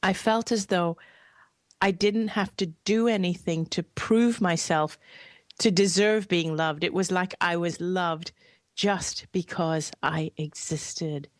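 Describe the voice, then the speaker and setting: A woman's voice: on the low side, fairly even intonation, slow, no echo. A woman who grew up in Hong Kong, telling her personal story as an interview guest in an earnest, heartfelt way. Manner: earnest, heartfelt, softly emphatic.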